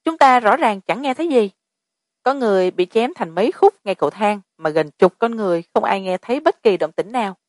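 A woman voicing a frightened young woman who speaks high and slow in panic. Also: lively intonation, no room sound, clean studio sound, lightly acted.

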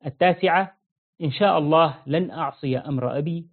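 A man giving an interactive religious lesson, quizzing listeners with repeated questions and slowing down to stress key phrases. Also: a little high. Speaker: religious teacher. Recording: narrow phone-like audio.

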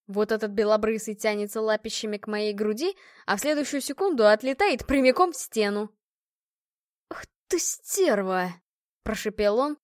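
A woman's voice: fairly high pitch, no room sound, clean studio sound. Woman reading a first-person story. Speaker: audiobook narrator. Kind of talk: first-person audiobook narration.

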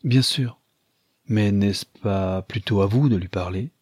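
An ardent young gentleman speaks tenderly and eagerly, voiced by a male narrator. The voice is low and dark with a husky grain. It is recorded dry and close, like a studio audiobook. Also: slow, no room sound.

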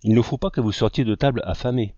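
A man voicing a kind aunt at the dinner table who speaks gently and calmly. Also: mid-range voice, quick pace, dry recording, lo-fi sound, lightly acted. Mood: gentle. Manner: gentle, calm.

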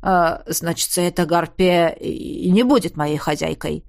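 A woman voicing a timid, shaggy male forest spirit with a hoarse, boozy voice and a whiny, pleading manner, in an audiobook. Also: on the low side, measured pace, darkish tone, no echo, clean studio sound, voice pushed down. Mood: relieved. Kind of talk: audiobook character voice.

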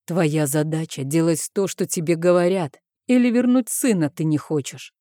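A woman's voice: low voice, normal speed, warm tone, no room sound, clean studio sound, lightly acted. A woman reading the part of an arrogant, condescending male villain in an audiobook, with a drawling, contemptuous manner. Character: smug arrogant man, misogynist villain on the phone.

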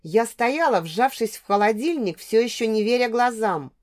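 A woman's voice: a little high, lively intonation, normal speed, a little mellow. A woman narrating a tense first-person novel as an audiobook reader.

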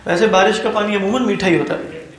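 A male Quran teacher giving a classroom lecture, quizzing his students and then answering himself, reciting Arabic slowly and deliberately. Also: sits high. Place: lecture room at an academy. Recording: echoey room.

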